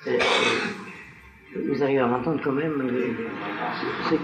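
A man's voice: medium pitch, steady tone, a little slow, dull audio, over loud music. A man giving a spoken lecture to a live audience, wandering into digressions and often turning to the listeners with questions. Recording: echoey room recording.

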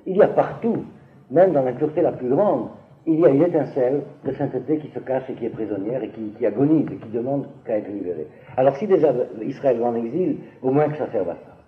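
A man teaching a class on biblical texts, hesitating and restarting, often asking the listeners whether it is clear. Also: mid-range voice, expressive, a little fast, narrow, tinny audio.

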